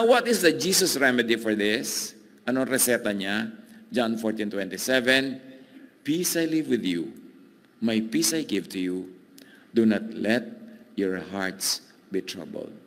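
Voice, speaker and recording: A man preaching a sermon, mixing Tagalog and English, with emphatic, drawn-out phrases and dramatic pauses. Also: medium pitch, creaky, a bit bright. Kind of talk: Taglish sermon teaching. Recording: long reverb, hall-like.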